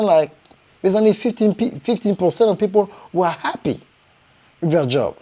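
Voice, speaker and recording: A native French speaker with a French accent and a darkish tone gives viewers a live motivational pitch, working as a business coach promoting his event. He's emphatic and repetitive, his speech breaking into frequent rising bursts.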